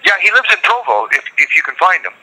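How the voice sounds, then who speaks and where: A man on a prison phone line talks quickly in a high, sharply tense voice. He rambles and jumps from one claim to the next in loose, casual conversation. His delivery is hurried throughout. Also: sing-song, bright, forceful tone. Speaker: prison inmate calling in.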